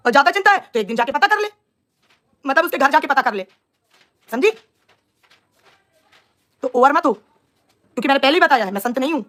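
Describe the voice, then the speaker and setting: A woman's voice: high voice, bright, forceful tone. A young woman on a live stream, scolding and taunting a rival in an angry, combative rant.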